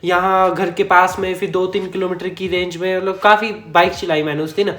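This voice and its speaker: Male vlogger, high voice, chatty storyteller who chuckles and corrects himself, echoey room. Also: flat delivery, fairly quick, a bit bright. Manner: chatty, rambling, self-correcting, chuckles often. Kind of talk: casual storytime narration.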